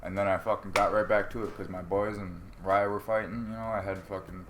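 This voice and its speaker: Brief: lower-voiced man, swears freely, vivid storyteller with quoted lines, casual podcast chat. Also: fast, a little hiss or hum. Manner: profane, animated, acts out quotes. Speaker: amateur fighter. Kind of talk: casual storytelling among friends.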